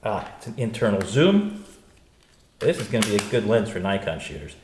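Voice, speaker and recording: A man's voice: fairly low pitch, big pitch swings, moderate pace. A chatty man from the United States hosting a casual unboxing, exclamatory and wisecracking, recorded in stereo in a reverberant room. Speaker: host and gear reviewer. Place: untreated echoey room indoors. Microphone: stereo pair of studio microphones. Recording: big echoey room, clear reverb, faint noise.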